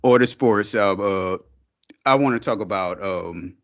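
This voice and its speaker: A man's voice: fairly low pitch, a little slow, dull audio. A man co-hosting a podcast in casual chat, laughing often and using loose slang. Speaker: podcast co-host.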